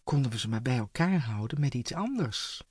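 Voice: mid-range voice, normal speed, slightly rough, dry recording, studio quality. A thoughtful young girl, as a reader puts her on. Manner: calm, sighing. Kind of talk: storybook character voice.

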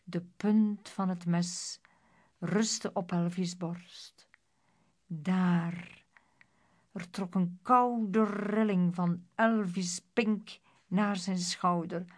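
Lady reading a story out loud, takes her time, dramatic pauses. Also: lowish voice, steady tone. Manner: slow, measured, dramatic. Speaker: narrator.

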